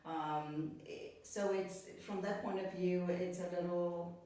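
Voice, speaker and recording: A woman's voice: fairly low pitch, steady tone, slow, mellow. A woman, chatting as an interview guest and laughing often between points. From Romania. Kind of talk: casual interview chat. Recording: echoey room, mic far off.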